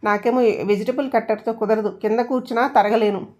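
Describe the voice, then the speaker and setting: A woman's voice: fairly high pitch, fairly even intonation, brisk, a little mellow, lightly acted. A woman voicing an outspoken older aunt who lectures bluntly. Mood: lecturing.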